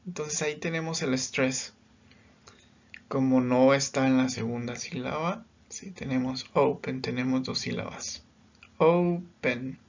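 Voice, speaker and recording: Patient teacher man, lo-fi sound. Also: medium pitch. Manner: patient, explains step by step, often checks with "¿sí?". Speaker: English teacher. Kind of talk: recorded grammar lesson.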